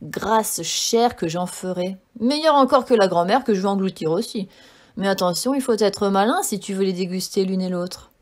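Storybook wolf: cunning and hungry, low, sly and slow-drawn, put on by a woman narrator. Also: a little mellow, natural voice. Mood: gloating.

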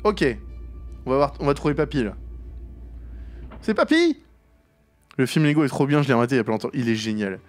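A man's voice: mid-range voice, racing, faint music behind. A man streaming a game live, chatting casually with playful jokes. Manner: joking, playful. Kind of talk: casual live gaming commentary.

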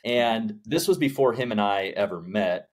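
A man in his late thirties hosting a podcast interview, talking in a relaxed, conversational way with many fillers, recorded on a studio mic at home. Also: lowish voice, moderate pace. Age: 30s. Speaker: podcast host. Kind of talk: casual interview. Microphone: large studio condenser mic in frame.

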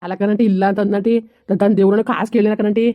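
A woman's voice: mid-range voice, little pitch movement, very fast, no echo, close to an everyday voice. A woman playing a jobless village husband in a comedy skit, grumbling and defensive. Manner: defensive, complaining. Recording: dry, dull lo-fi sound.

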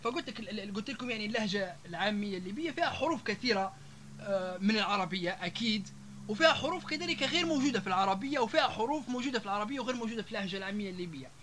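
A man with a Libyan Arabic accent giving a public lecture to an audience, rattling off example words and pausing on long "aah" fillers. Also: sits high, lively intonation, a bit bright, slight background noise. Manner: rapid, with frequent drawn-out "aah" fillers, listing example words one after another.

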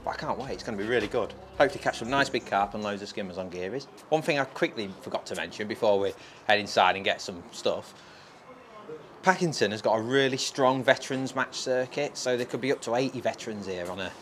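A man with a fairly low, expressive voice speaks at a quick pace, presenting a casual fishing vlog outdoors. He walks viewers through the venue with chatty enthusiasm, and clear background noise comes through in the outdoor recording.

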